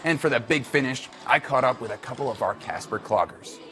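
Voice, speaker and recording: A male sports reporter delivering a scripted local news segment. His voice sits at a middle pitch for a man, and he reads briskly and cheerfully, keeping scores and stats moving along. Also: expressive, fairly bright tone, soft background music.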